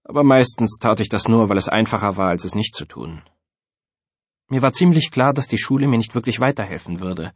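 A man narrating a first-person audiobook in a steady, measured storytelling manner. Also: lowish voice, breathy edge, no room sound.

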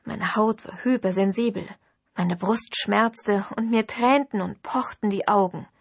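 Woman reading a first-person novel, husky voice, dry close recording. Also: medium pitch, measured pace, no echo. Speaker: audiobook narrator.

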